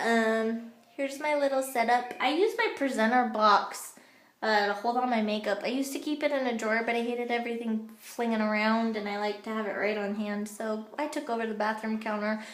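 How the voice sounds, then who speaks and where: In her home bathroom, a direct-sales makeup team leader records a casual training talk for her sales team on an old smartphone camera, and the room echoes. She's chatty, using plenty of ums and you-knows, and her childish-sounding voice is a little high and a bit bright.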